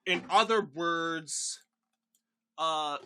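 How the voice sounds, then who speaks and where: A young man of about twenty giving informal election night analysis as a channel host, in a halting, rambling way that often doubles back on itself. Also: on the high side, sharp tone, smooth. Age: young adult, about 20. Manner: halting, rambling, self-correcting.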